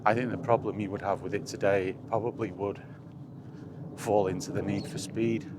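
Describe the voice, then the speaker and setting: This is a middle-aged gaming vlogger with a fairly low voice, a steady tone, and a moderate pace. His casual monologue about video games rambles and reflects, with phrases repeated for emphasis. Background ambience comes through clearly.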